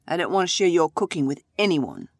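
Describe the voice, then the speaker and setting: A woman voicing a stern, controlling husband who talks in slow, clipped, cold lines. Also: a little high, huge pitch swings, creaky, no room sound, clean studio sound, heavily acted.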